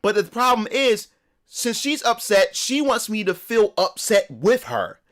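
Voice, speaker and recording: A man talking to his stream audience in a loose, casual rant. His voice sits high, and he swears freely and piles up repeated words as he presses his point. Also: big pitch swings, a little slow, a bit bright. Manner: ranting, emphatic, swears a lot; repeats words and restarts as he builds up. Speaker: live streamer. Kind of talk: casual live-stream chat.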